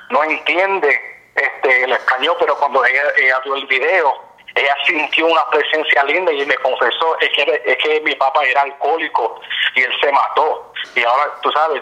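A man's voice: mid-range voice, bright, forceful tone, rough recording. A man from the United States, a gospel singer and minister, telling his story fervently in an interview, dropping English fillers.

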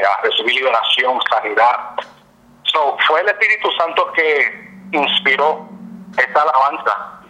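A man's voice: medium pitch, bright, forceful tone, low-quality recording. A man from the United States, a gospel singer and minister, telling his story fervently in an interview, dropping English fillers.

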